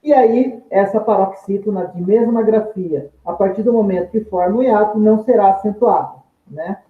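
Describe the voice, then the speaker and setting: Methodical teacher, echoey and tinny. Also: male voice, sits high, normal speed. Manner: methodical, repeats each term with synonyms, stretches out example words. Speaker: Portuguese teacher. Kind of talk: recorded grammar lesson. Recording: echoey room, tinny phone-like sound.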